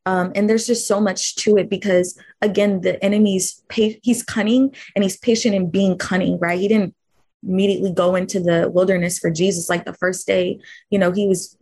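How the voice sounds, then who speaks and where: A woman's voice: mid-range voice, steady tone, moderate pace, a little mellow, breathy edge, no echo. Earnest woman in faith discussion. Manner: earnest and emphatic, with tag questions. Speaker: podcast co-host.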